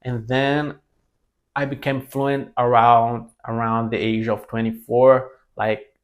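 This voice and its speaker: With a mid-range voice and little pitch movement, a Brazilian language mentor in his twenties talks casually to camera. Portuguese is his first language and his accent is Brazilian Portuguese; he speaks haltingly, often restarting sentences and correcting himself.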